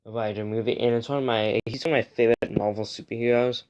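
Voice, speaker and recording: A man's voice: mid-range voice, fairly even intonation, fast, a little mellow, highs cut off. Young man who says w for r. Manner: says w for r, sometimes slips on l. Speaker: host of a comic book review show. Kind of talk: casual rambling review.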